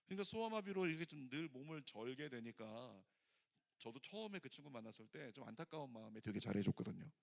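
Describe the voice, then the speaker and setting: A middle-aged male pastor preaching a sermon, telling a story with lively acted-out quotes. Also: medium pitch, quick pace, gravelly. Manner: animated storytelling, acts out quoted voices.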